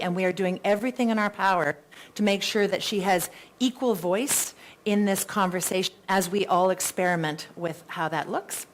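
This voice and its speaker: A Canadian woman moderates a live candidates' debate, chatty and playful with self-deprecating asides, and she says she has a really big voice. Her voice is mid-range, and the audio quality is poor.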